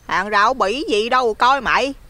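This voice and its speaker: A man's voice: very high-pitched, moderate pace, sharp tone, no room sound, pitched above the performer's own voice, full character voice. Man voicing a gossipy old village woman. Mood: nosy. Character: gossipy plump village woman in her sixties, loud, nosy.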